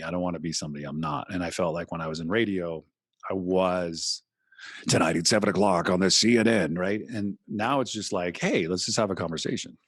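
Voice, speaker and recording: Deep-voiced man in lively podcast chat. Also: dry recording, clean studio sound. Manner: animated, talks in long stretches, acts out quotes. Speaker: podcast guest, former radio host. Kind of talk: casual interview chat.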